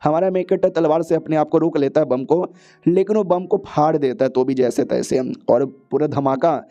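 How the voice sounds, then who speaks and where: Guy narrating a comic recap, chatty and slangy, fairly high mellow voice. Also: moderate pace. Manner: chatty, slangy, sprinkled with English.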